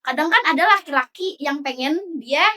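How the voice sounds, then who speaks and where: A young woman with a high, bright voice chats casually on a podcast and spells out her opinions in long turns. She slips into quick acted-out examples along the way. Her voice sits a little back from the microphone. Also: far from the mic. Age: young adult. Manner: talkative, explains at length with acted-out examples. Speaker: podcast co-host. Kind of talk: casual chat.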